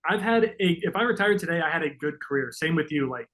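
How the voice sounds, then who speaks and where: A man speaks as a guest on a casual podcast. He is emotional, and his voice sits a little high. He tells his stories in a sincere, reflective way. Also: expressive, fast talker, fairly bright tone, rough recording.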